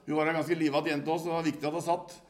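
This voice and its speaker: A man's voice: a little high, flat delivery. An older man from Norway preaching a sermon in an earnest, storytelling manner.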